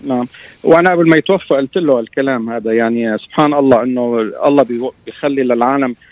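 Man, fifties, Syrian Levantine Arabic accent, quick hesitant conversational answers, dry slightly dull recording. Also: mid-range voice, no room sound. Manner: hesitant, searching for words with trailing repeats. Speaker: interview guest, doctor.

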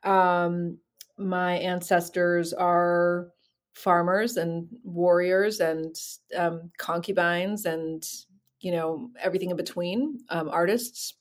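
A middle-aged woman from the San Francisco Bay Area, a physician and co-author, speaking in a reflective, measured way with many fillers. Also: on the low side. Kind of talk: interview conversation.

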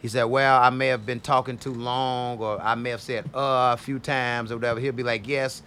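A middle-aged man who works as a radio DJ, talking loosely in a casual interview and telling drawn-out stories. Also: medium pitch, flat delivery, fairly bright tone, slight background noise. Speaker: radio DJ guest.

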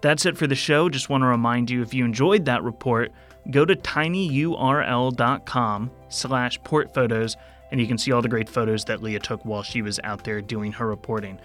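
A man's voice: mid-range voice, normal speed, fairly bright tone, faint music behind. A man hosting a podcast, giving a friendly, informative sign-off. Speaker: podcast host. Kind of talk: show outro.

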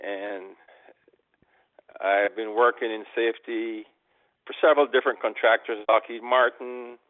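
An older man from Barbados answering interview questions in a measured, plain way. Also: mid-range voice, fairly even intonation, no echo. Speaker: patient, guest. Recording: dry tinny phone-like sound.

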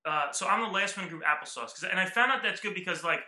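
Man, podcast co-host, quick and animated storyteller, high bright tone, roomy echo. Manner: animated, acts out quoted lines. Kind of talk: casual chat, storytelling.

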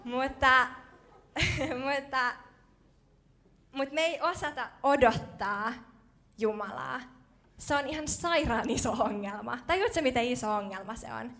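A young woman preaching a sermon in church, casual and lively, with slangy, self-deprecating humor. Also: on the high side, creaky.

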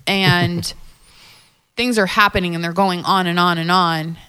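A lower-pitched woman talks as a guest in a relaxed interview. She is a dating coach who thinks aloud, circling back over her own words, and she laughs easily. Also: measured pace, clear, resonant tone. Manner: thoughtful, repeats words, laughs often. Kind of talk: casual interview chat. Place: lives in New York.

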